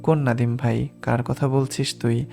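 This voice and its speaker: A man's voice: mid-range voice, little pitch movement, normal speed, gravelly, dark tone, soft background music, natural voice. A man voicing a frightened young woman who pleads urgently, in an audiobook reading. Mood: agitated.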